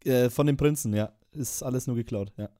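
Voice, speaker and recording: A man's voice: medium pitch, brisk, dark tone. A man co-hosting a podcast in casual chat, answering in dry, laconic short replies. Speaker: podcast co-host.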